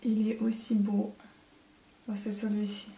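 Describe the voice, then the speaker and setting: A woman's voice: mid-range voice, completely flat delivery, measured pace, gravelly, dark tone, slight background noise. Chatty woman in an echoey room. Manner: chatty, many hesitant fillers. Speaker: beauty vlogger. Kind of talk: casual makeup haul chat.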